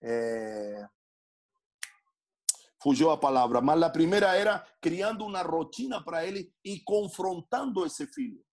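Middle-aged pastor guy, bit high voice, preaching and checking you're following. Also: expressive, a little slow, a little mellow. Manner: teaching, frequent tag questions to the listener. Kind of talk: sermon.

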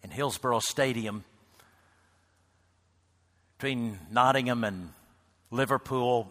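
A man preaching a sermon to a congregation, swinging between loud calls and near-whispered lines. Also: medium pitch, slow. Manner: builds to loud shouts, then drops to a hush. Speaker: pastor. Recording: reverberant hall.

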